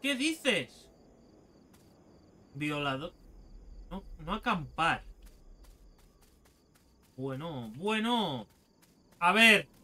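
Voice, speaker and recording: A man, excitedly commenting as he plays a game, swearing and talking to himself. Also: fairly high pitch, very slow, pauses often. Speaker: gaming video host. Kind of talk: let's play commentary.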